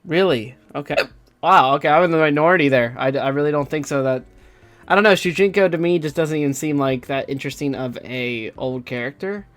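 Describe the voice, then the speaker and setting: A young gaming YouTuber with a brisk, rather high and somewhat bright voice offers casual gaming news commentary. He rambles and hesitates, using many fillers and restarts.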